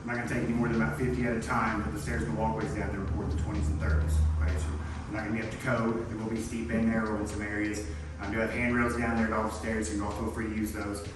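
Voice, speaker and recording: A man's voice: fairly low pitch, level tone, very fast, background noise. A man working as a tour guide, giving a folksy, instructional safety briefing to a group, often checking in with "okay?". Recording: very echoey, distant voice under music.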